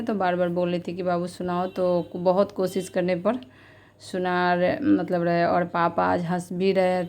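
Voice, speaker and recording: With a fairly low, darkish voice, a woman in her thirties narrates her vlog casually. She's chatty and heartfelt and tends to repeat herself.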